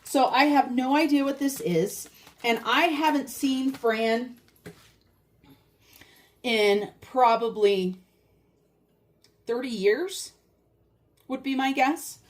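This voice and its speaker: A woman's voice: sits high, slow, pauses often. An older woman chatting casually as a vlogger, heartfelt and talking straight to her viewers. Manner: chatty and heartfelt, addresses viewers as you guys. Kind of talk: casual chat.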